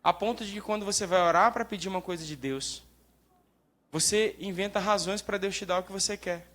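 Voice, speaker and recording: A young man with a Brazilian Portuguese accent giving a lively, joking sermon talk at church. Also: sits high, brisk. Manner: lively, jokes and acts out quoted prayers. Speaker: church speaker.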